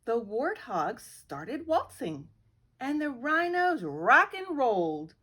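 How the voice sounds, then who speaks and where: A middle-aged woman reading a children's picture book aloud with slow, expressive storytelling. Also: high-pitched, husky. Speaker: guest reader.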